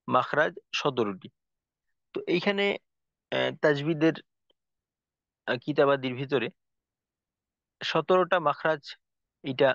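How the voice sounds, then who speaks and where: A man teaching a tajweed lesson, explaining slowly and carefully with frequent pauses and fillers. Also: mid-range voice, a bit bright, dry recording. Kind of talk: recorded lesson lecture. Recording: dull lo-fi recording, dry.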